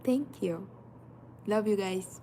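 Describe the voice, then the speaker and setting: A mellow, mid-range voice belongs to a life coach in her thirties whose first language is Portuguese. She takes it slowly in her motivational livestream, yet urges listeners emphatically and directly, repeating "you," against a noisy background.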